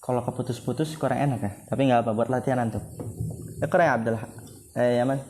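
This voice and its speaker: A man with an Indonesian accent teaching a religious lesson, emphatic, with drawn-out Arabic recitation that climbs sharply when he quotes. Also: mid-range voice, steady tone, darkish tone, a little hiss or hum. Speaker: Islamic teacher.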